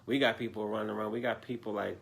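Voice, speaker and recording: A man's voice: lowish voice, level tone, fast talker, vocal fry, a bit bright, slight background noise. A man hosting a casual political discussion, talking straight to his viewers and sometimes losing his train of thought. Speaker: host.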